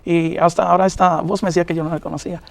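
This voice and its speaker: Fast, halting preacher man telling his testimony. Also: on the high side, flat delivery, gravelly, no room sound. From New York, of Puerto Rican parents. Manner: earnest, halting, many fillers. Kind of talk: personal testimony in an interview.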